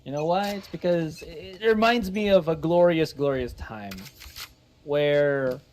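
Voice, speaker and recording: A man's voice: fairly high pitch, measured pace, darkish tone, slight background noise. A man giving analytical esports color commentary in a chatty, playful way. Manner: chatty, playful, acts out quotes.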